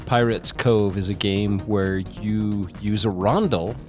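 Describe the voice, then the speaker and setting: A man's voice: lowish voice, slow, over music. A man co-hosting a board game podcast, explaining a game in a playful, joking way. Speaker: podcast co-host. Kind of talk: casual chat about board games.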